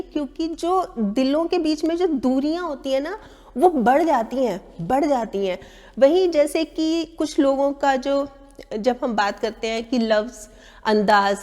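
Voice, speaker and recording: Woman, high voice, advice talk, acts out taunts, long room echo. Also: darkish tone. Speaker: speaker giving advice on manners. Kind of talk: talking to camera.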